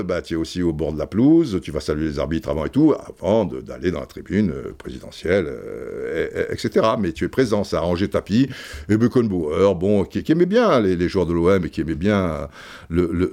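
An older African man who hosts a podcast tells a rambling anecdote full of fillers and restarts. His voice is low-pitched with a darkish tone.

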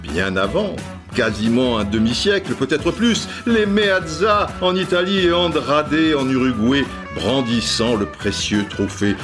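A man, the host of a podcast, giving lyrical scripted narration in a storytelling manner. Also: medium pitch.

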